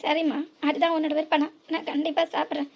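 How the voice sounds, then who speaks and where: A soft-spoken young cartoon husband, voiced by a woman, pleading gently with his wife. The voice sits very high for a man, held a few steps below the performer's own. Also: little pitch movement, fast talker. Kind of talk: cartoon voice acting.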